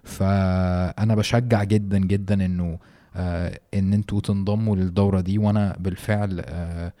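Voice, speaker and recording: A man with an Egyptian Arabic accent hosting a podcast, talking casually and off the cuff, with halting delivery and drawn-out pauses. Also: sits low, level tone, mellow. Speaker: podcast host. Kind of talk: casual, unscripted podcast talk.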